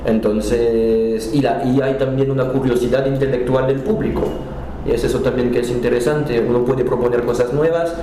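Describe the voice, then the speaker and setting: Speaking Spanish in his French accent, this cultural center director from France chats as a guest in a relaxed conversational interview. His medium-pitched, mellow voice stays fairly even as he haltingly restarts words in a friendly way, over heavy reverb, slight background noise and low-quality audio.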